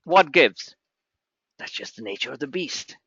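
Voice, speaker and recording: A middle-aged man hosting a trading webinar, talking in an animated, pushy salesman patter as he walks through charts. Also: medium pitch, unhurried, vocal fry, breathy edge, no room sound, lo-fi sound. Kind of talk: live trading webinar talk.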